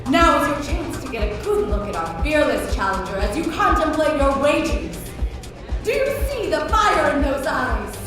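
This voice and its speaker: An actress voicing a showy female arena announcer who hypes a deadly race over a PA system with drawn-out, theatrical delivery. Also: sits high, sing-song, far from the mic. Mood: showman hype. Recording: echoey PA voice heard from afar over music.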